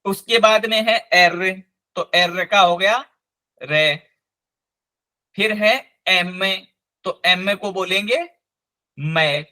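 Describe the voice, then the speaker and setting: Slow, patient male language teacher. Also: sits high, sharp tone. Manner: slow, patient spelling out of sounds. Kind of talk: online class lesson.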